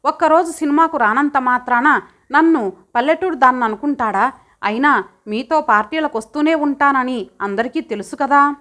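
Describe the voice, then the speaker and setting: A woman's voice: high voice, moderate pace, fairly bright tone. A woman voicing a hurt but defiant young wife in an audio story, speaking in a tearful, indignant way. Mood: resentful.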